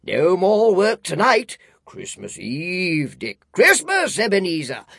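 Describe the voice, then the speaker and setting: A man's voice: high-pitched, wildly swooping pitch, slow, creaky, breathy edge, pitched above the performer's own voice, heavily acted. A man reading a storybook, voicing a boisterous, merry old merchant who calls out heartily. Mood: jolly. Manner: hearty, calling out loudly. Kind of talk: audiobook reading.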